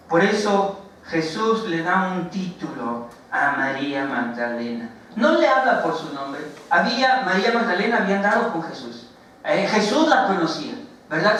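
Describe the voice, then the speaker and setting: A Mexican man preaches in a high, unhurried voice, pausing on filler sounds and asking his congregation rhetorical questions. He stands well back from the microphone in a church sanctuary. The room is very echoey, and a faint room sound sits behind him. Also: fairly bright tone, slight background noise. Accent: Mexican Spanish. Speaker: pastor. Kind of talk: sermon. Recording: very echoey church, voice from far off the mic.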